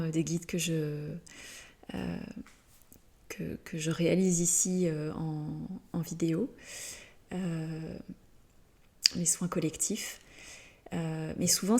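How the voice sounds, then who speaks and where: A woman delivers a channeled spiritual message at an unhurried, drawn-out pace, her voice set somewhat low. She speaks gently and haltingly, filling gaps with soft hesitations while she searches for her words, and she yawns now and then as she goes. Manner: hesitant, halting, many fillers and pauses; yawns often during the session.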